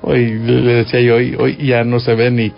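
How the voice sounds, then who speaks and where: A man's voice: mid-range voice, completely flat delivery, moderate pace, creaky, dull audio, faint music behind. A man with a Mexican accent teaching a Bible passage on a radio program, talking conversationally and asking his listeners questions. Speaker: radio preacher.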